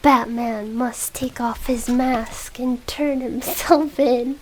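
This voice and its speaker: A woman's voice: fairly high pitch, steady tone, slow, noisy background. A woman whispering the lines of a menacing male villain in a whispered role-play reading. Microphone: close ASMR microphone.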